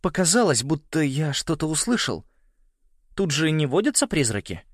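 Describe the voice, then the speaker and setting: A man's voice: on the high side, big pitch swings, normal speed, dry recording, studio quality, voice pushed up. Simon: a man doing a wary, curt teenage boy. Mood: guarded. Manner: hesitant and curt.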